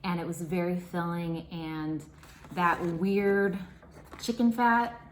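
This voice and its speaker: A woman's voice: on the low side, steady tone, slow, echoey room, a little hiss or hum, rough recording. A woman chatting casually and self-deprecatingly as she cooks and tastes food in her home kitchen. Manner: self-deprecating, chatty, talks while eating. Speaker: vlogger cooking at home. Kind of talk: casual cook-with-me vlog.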